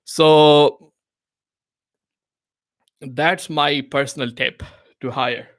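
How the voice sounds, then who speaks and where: A man whose first language is Urdu hosts a live question-and-answer stream, handing out casual business advice in loose, filler-heavy English with non-native phrasing. His fairly high voice is steady and very slow, and he talks conversationally with many restarts, often asking "you know what I mean".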